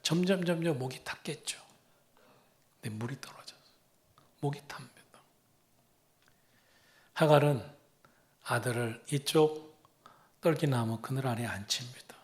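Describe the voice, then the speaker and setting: A man preaching as a pastor, retelling a story with dramatic pauses and often dropping to a breathy whisper. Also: medium pitch. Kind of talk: sermon.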